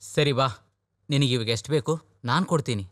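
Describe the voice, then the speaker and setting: An actor dubbing a firm but caring elder brother who talks insistently in a dubbed film. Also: male voice, mid-range voice, brisk, no room sound, studio quality, close to an everyday voice.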